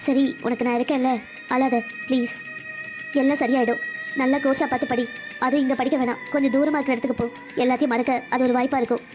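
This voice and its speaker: A woman's voice: high voice, fairly even intonation, fast, over music, lightly acted. A woman voicing an earnest young wife in a cartoon. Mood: consoling. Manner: earnest, pleading, then firmly consoling. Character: young wife and teacher, earnest, caring friend. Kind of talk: cartoon voice acting.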